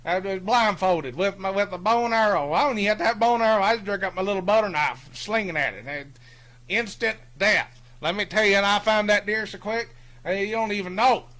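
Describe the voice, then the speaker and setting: A man's voice: high-pitched, brisk, a bit bright. A man playing a boastful, rambling hillbilly who hosts a sports call-in show, with a folksy drawl. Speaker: host. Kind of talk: comic character bit on a live stream.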